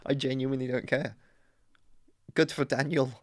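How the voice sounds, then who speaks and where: A man's voice: medium pitch, flat delivery, moderate pace, no room sound, studio quality. A young man co-hosting a podcast, teasing and laughing as he argues in casual chat. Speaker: podcast co-host. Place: podcast studio.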